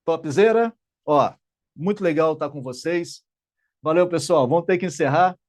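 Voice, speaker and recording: A man's voice: fairly high pitch, normal speed. A man teaching an online exam-prep grammar class in Brazilian Portuguese, chatty and answering live student questions.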